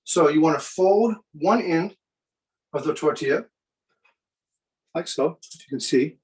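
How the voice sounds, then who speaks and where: A man presenting a live cooking demonstration for students, in a relaxed, chatty way with many fillers. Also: fairly high pitch, unhurried, far from the mic, poor audio.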